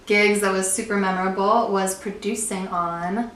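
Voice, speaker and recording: A woman hosting a casual chat with a friend at home, chatty and quick to laugh. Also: medium pitch, fairly even intonation, a bit bright, echoey room, a little hiss or hum, poor audio. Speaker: host.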